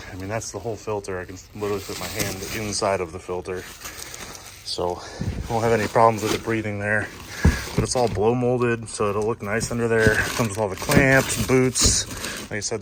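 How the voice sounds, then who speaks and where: A man with a low, easygoing voice talks through a car install as he works on it. He explains each step plainly and casually. Faint outdoor ambience sits behind him. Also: moderate pace, background noise. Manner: relaxed, explains step by step while working. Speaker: car DIY vlogger. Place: outdoors by a car engine bay.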